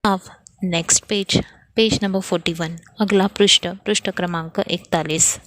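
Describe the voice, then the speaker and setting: Female teacher reading a lesson aloud, slow and careful, explains words as she goes. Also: lowish voice, fairly even intonation, a bit bright, no room sound. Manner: explains words slowly and plainly.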